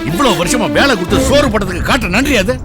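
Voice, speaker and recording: Stern rich father, scolding, threatening, lively pitch, film score. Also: fast talker, loud music behind the voice. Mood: angry. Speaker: wealthy father and employer.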